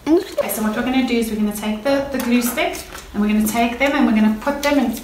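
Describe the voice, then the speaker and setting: A woman's voice: on the high side, fast talker. A woman crafting with her young child, patiently explaining each step to the child. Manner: patient, instructive, speaks to a child. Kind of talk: guiding a child through a craft. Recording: echoey room from a distance, noisy.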